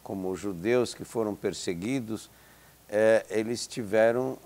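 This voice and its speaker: Speaking a little slowly in a lowish, slightly mellow voice, this Israeli psychology professor in his 70s, a native Hebrew speaker, is a guest being interviewed. He comes across as hesitant and reflective, with frequent restarts and fillers.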